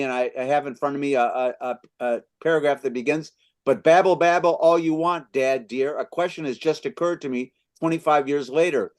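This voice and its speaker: A man in his fifties from the United States, hosting a book club and answering questions thoughtfully, with frequent restarts. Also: medium pitch. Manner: reads excerpts aloud. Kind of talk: literary discussion, answering questions.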